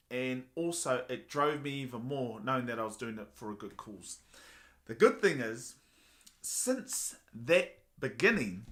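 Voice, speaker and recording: A man's voice: medium pitch, a bit bright. A man with a Māori New Zealand accent talking earnestly and motivationally to viewers in a personal vlog. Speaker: vlogger.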